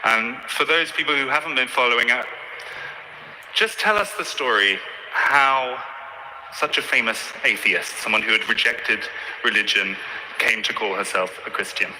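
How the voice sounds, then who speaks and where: Bright-voiced male event host. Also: medium pitch, moderate pace, roomy sound, slight background noise, rough recording. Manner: polished, earnest presenter. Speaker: host and moderator. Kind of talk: formal stage introduction. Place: stage at a live event.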